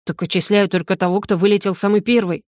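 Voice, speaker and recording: A woman's voice: medium pitch, fairly even intonation, fast, darkish tone, dry recording, clean studio sound, natural voice. A woman voicing an easygoing young male student.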